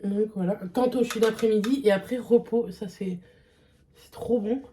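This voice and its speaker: A woman's voice: mid-range voice, steady tone, moderate pace, warm tone, a little hiss or hum. A young woman vlogger chatting casually through a makeup test, hesitant and full of fillers. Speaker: beauty vlogger. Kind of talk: casual makeup vlog chat.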